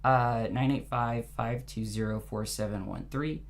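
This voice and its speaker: A man in his twenties speaking hesitantly as a caller, with frequent ums and pauses. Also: medium pitch, fairly even intonation. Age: 20s. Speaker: caller booking an appointment. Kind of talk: hesitant phone conversation. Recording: noisy hum on phone call.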